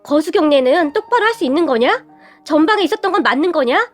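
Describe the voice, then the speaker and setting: A woman voicing a blunt, fearless young wife who talks in a sharp, mocking way. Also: high voice, lively intonation, quick pace, faint music behind. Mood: scornful.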